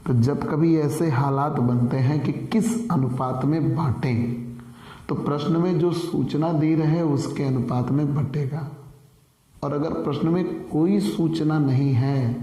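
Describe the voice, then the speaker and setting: A man's voice: on the high side, takes it slowly, dark tone. A man with a sore throat teaching a commerce lesson. He repeats key points and asks questions that he then answers himself. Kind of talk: classroom lecture. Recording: echoey room with long reverb.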